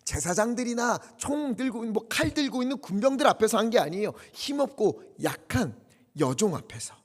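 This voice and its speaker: A male pastor preaching a dramatic sermon, swinging between loud urgent appeals and hushed near-whispers. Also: high voice, sing-song, normal speed. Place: church sanctuary. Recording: long church hall reverb.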